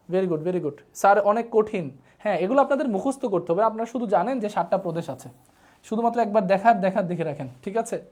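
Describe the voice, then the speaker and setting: A man's voice: high voice, animated, a little fast, a little mellow. Man teaching a repetitive live class. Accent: Bangladeshi Bengali. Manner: repetitive drilling, asks viewers to comment. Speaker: online coaching teacher. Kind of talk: live online class lesson.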